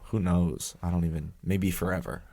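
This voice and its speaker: A man with a very low, deep voice talks in easy, laid-back chat as a podcast co-host. He laughs often and repeats his partner's phrases back. The sound is close and dry. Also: steady tone, moderate pace, creaky, dark tone, no echo. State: recovering from a cold. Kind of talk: casual chat.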